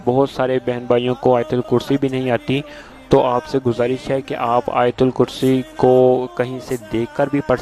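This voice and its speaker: A man patiently giving step-by-step religious instructions to viewers, repeating each step and reciting prayers slowly. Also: mid-range voice, darkish tone. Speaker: religious video host.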